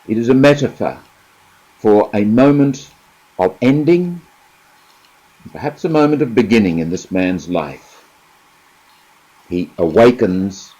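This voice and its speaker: A middle-aged man, giving a reflective spiritual talk and reading a story, slow and measured, pausing between phrases. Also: sits low, dark tone, breathy edge, highs cut off. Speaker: spirituality teacher.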